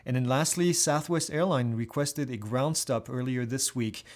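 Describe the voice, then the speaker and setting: A man's voice: mid-range voice, moderate pace, a little mellow. A man hosting a weekly aviation news update, talking in a casual, conversational way with many fillers and restarts.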